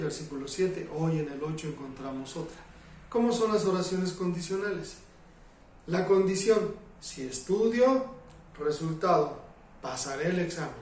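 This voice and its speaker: Mexican pastor guy doing bible study, kinda high voice, lots of echo, mic far off. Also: a little mellow, a little hiss or hum. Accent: Mexican Spanish. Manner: emphatic, rhetorical questions to the congregation. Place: church hall. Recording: echoey hall from a distance.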